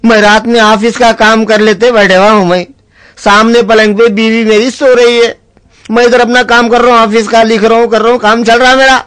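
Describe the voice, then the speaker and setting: A man plays the complaining partner in a comedy duo's dialogue. His voice sits very high. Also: little pitch movement, brisk, a bit bright, clear, resonant tone, no echo. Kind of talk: comic dialogue.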